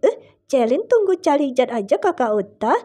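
A woman voicing a small child who speaks slowly and childishly in a deepened voice in a game role-play drama. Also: very animated, mellow. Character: small child who talks about herself by name.

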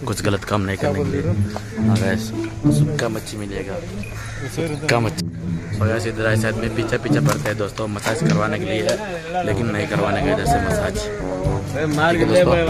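A young travel vlogger with a fairly low pitch talks casually to his viewers about the day while walking, laughing often and chatting to them like friends. He films selfie-style on a phone at arm's length on busy town streets and at a tourist site. The talk sits under loud background music.

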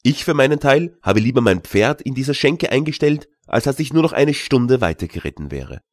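A man's voice: mid-range voice, very animated, moderate pace, no echo, studio quality, close to an everyday voice. A man reading an audiobook, voicing a courteous, refined young nobleman. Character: polite, genteel young nobleman at an inn.

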